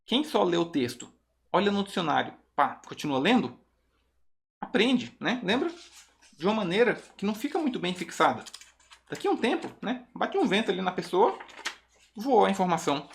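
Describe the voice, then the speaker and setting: Man, Brazilian Portuguese accent, English teacher, online lesson, patient explaining, slow example sentences. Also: high-pitched, big pitch swings, gravelly.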